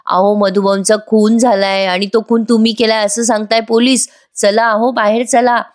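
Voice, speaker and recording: A woman's voice: on the high side, little pitch movement, moderate pace, natural voice. A woman voicing an anxious pleading wife. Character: worried wife, nagging her hurried husband.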